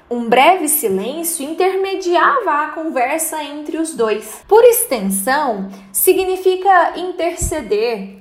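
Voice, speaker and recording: A woman teaching a grammar lesson in a methodical way, slowing down to recite each verb form in turn. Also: sits high. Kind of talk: explanatory lesson on verb conjugation. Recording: roomy echo.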